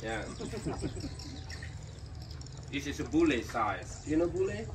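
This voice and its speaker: This local tour guide, an Indonesian-accented man, has a slightly high voice and talks slowly with a great deal of animation. Standing outside in a pottery village, he walks tourists through the craft in a relaxed way, cracking jokes and offering apologies. Roosters crow and village sounds carry over the distant camera recording.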